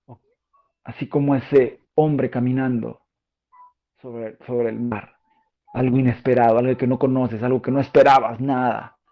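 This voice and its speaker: A man with a Peruvian Spanish accent preaching a sermon in a conversational way, asking his listeners questions and often pausing with fillers. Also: mid-range voice, muffled recording. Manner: conversational, asks the audience questions, frequent fillers.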